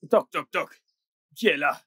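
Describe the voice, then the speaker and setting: A polite, mysterious visitor with a husky voice. The dubbed-film sound is dry and close. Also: medium pitch, expressive, measured pace, pushed and bright, dry recording, full character voice.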